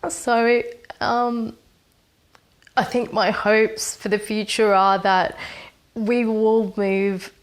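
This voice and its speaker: A young woman from Fiji, a program manager, giving a hesitant, earnest talk from home with many pauses and fillers. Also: mid-range voice, flat delivery. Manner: hesitant, many ums and restarts. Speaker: social impact program manager. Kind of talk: recorded personal talk from home.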